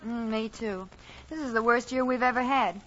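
An actress playing a wry, chatty young department store clerk in a 1940s radio comedy on a dull old broadcast. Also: female voice, on the high side, moderate pace, a bit bright, slight background noise, lightly acted.

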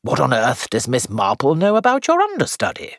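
A woman reading aloud and voicing a practical middle-aged hostess who talks in a brisk, blunt way. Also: a bass voice, huge pitch swings, no room sound, studio quality, heavily acted. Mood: exasperated.

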